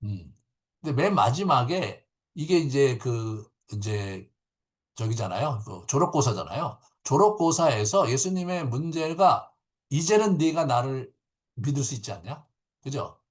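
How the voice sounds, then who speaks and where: A man, a pastor, teaching a Bible class over a video call in an animated way, acting out quotes and often checking in with his listeners. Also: medium pitch, a little slow. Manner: animated, acts out quotes, frequent tag questions. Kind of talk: lively Bible lecture.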